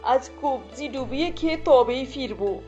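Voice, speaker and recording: A woman voicing a greedy, flattering middle-aged aunt who visits to be fed, in a cartoon. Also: high voice, unhurried, highs cut off, soft background music. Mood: pushy.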